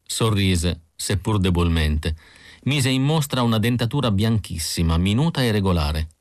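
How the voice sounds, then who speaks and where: A man reading an audiobook in a measured, even scripted narration. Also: fairly low pitch, dry recording, clean studio sound. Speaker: audiobook reader.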